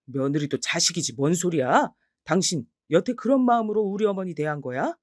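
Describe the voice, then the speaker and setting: A woman's voice: lowish voice, animated, brisk, darkish tone, no room sound, clean studio sound. A woman voicing a stubborn, dismissive middle-aged husband who answers in short, curt lines, in a storybook reading.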